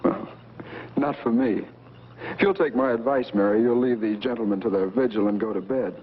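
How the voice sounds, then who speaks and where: An actor playing a dismissive, self-assured young brother in 1940s B-movie style. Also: male voice, mid-range voice, normal speed, husky, lightly acted. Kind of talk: 1940s B-movie film acting. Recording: muffled, noisy vintage film soundtrack.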